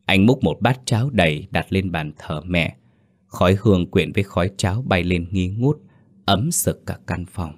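A man narrating a written story in a slow, solemn way. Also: sits low, lively intonation, no room sound, clean studio sound. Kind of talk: scripted ghost-story narration.

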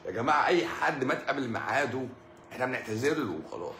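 A man's voice: medium pitch, lively intonation, racing, fairly bright tone, reverberant, a little hiss or hum. A middle-aged man with an Egyptian Arabic accent, a doctor chatting casually with live-stream viewers, telling jokey stories and laughing often. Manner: joking storyteller, laughs often.

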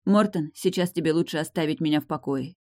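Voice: mid-range voice, fast talker, darkish tone, dry recording, clean studio sound, close to an everyday voice. A narrator voicing a proud, hurt woman who speaks coldly and sarcastically in an audiobook. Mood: bitter. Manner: cold, hissing, sarcastic. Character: sharp-tongued proud woman, hurt and angry. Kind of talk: audiobook character voice.

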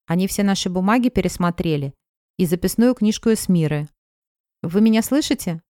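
A woman's voice: lowish voice, expressive, a little fast, warm tone, no echo, clean studio sound, lightly acted. A woman voicing a nervous, polite young office worker in an audiobook.

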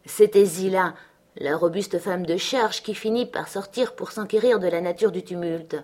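A woman reading a novel aloud as an audiobook narrator, in measured, steady narration. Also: on the low side.

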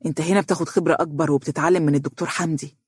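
A principled young co-worker with an Egyptian accent, voiced by the audiobook narrator, firm and quickly heated. Dry, close recording. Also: mid-range voice, fairly even intonation, slightly rough, dry recording, close to an everyday voice. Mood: stern. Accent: Egyptian Arabic.

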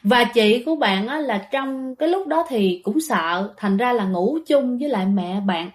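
Woman, ghost story narrator, chatty, talks to listeners, fairly high voice. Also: expressive, moderate pace. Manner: chatty, addresses listeners directly.

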